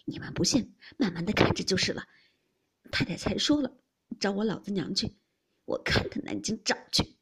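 A woman voicing a proud young maidservant who bursts out in sharp, indignant protest, with a husky, breathy voice. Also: mid-range voice, animated, normal speed, whispered. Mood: defiant.

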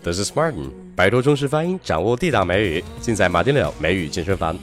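A man hosting a podcast English lesson, upbeat, spelling words out letter by letter and repeating example sentences slowly. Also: deep voice, expressive, soft background music. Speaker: English teacher and podcast host.

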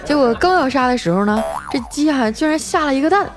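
A woman's voice: high voice, animated, quick pace, over music, crowd noise. A young woman narrating funny anecdotes in a chatty style, with many filler particles. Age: young adult. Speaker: comedy storyteller. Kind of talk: comic story narration.

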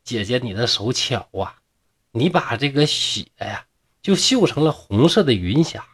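An earnest little boy in a spoken ghost story, told in a man's own voice, relaying messages plainly. The delivery swings widely in pitch. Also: very animated, a little slow, husky.

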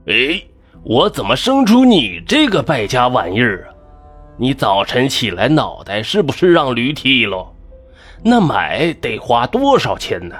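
A man's voice: mid-range voice, wildly swooping pitch, measured pace, a bit bright, slightly rough, soft background music, full character voice. A man voicing an old peasant father who scolds his son harshly. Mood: scolding. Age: older.

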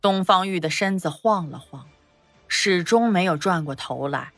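A woman's voice: lowish voice, lively intonation, normal speed, fairly bright tone, no room sound, soft background music. Woman narrating a palace drama. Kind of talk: scripted audio drama narration.

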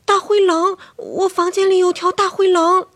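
A woman's voice: extremely high pitch, animated, slow pace, voice pushed up, heavily acted. A woman voicing a frightened little boy in a bedtime story, pleading breathlessly.

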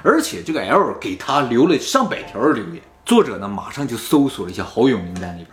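A man's voice: medium pitch, a little fast, roomy sound. A man hosting a casual chat, telling a spooky story and acting out the quoted lines. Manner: animated, acts out quoted lines. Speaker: storyteller host.

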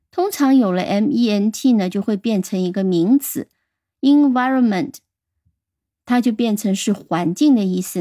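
A woman giving a radio vocabulary lesson, pronouncing words slowly and carefully and spelling them out letter by letter. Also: fairly high pitch, warm tone, dry recording, studio quality. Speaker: English vocabulary teacher.

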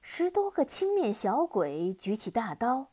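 A woman tells a children's story in a slow, unhurried voice with a very lively pitch. She narrates dramatically, sometimes dropping into a soft whisper for tension. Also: slightly rough.

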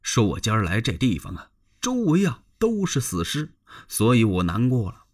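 A man's voice: on the low side, wildly swooping pitch, moderate pace. A man telling a traditional story, voicing an arrogant young male scholar who speaks with haughty scorn. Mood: lamenting. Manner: haughty, wailing and mocking.

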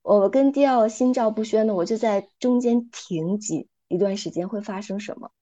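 Mom on a podcast, mellow warm voice, calm and thoughtful, tells stories. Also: female voice, mid-range voice, normal speed, lo-fi sound. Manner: calm, thoughtful, retells stories with light acting. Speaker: podcast guest. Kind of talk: reflective casual chat with storytelling.

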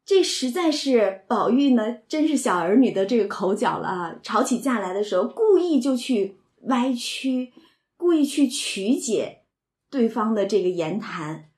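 A woman talks through a classic novel in a relaxed, conversational way, retelling scenes and slipping into the characters' lines. Her voice sits a little high, and she leans on filler words as she explains. The recording carries a noticeable roomy echo. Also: unhurried. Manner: retells scenes, slips into quoted dialogue, frequent filler words. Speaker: literature commentator.

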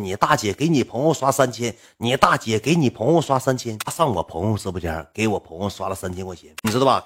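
A livestreamer man telling a rambling personal story in blunt, earthy slang. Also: mid-range voice. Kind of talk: casual storytelling.

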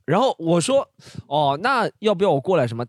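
A man's voice: a little high, very animated, fairly quick, no echo, clean studio sound. A man hosting a podcast, telling a story in casual chat, acting out the quoted lines and laughing often. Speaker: podcast host.

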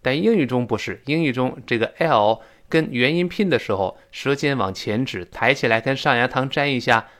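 A man teaching English pronunciation in a lively, joking way, demonstrating sounds aloud. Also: mid-range voice, moderate pace, few pauses. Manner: animated, jokey, demonstrates sounds. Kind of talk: lively spoken lesson.

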